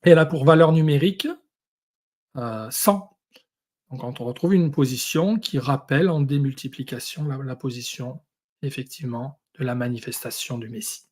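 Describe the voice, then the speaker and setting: Husky man explaining scripture word by word. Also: mid-range voice, a little mellow. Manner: explains word by word, pausing often. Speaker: Bible teacher. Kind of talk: teaching lesson on Hebrew and Greek words.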